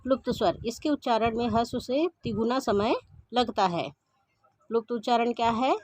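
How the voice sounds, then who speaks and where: A woman teaching a Hindi grammar lesson, explaining each point slowly and restating it in simpler words. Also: fairly high pitch, darkish tone, no echo. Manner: slow, methodical, repeats each point. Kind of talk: explaining grammar over slides.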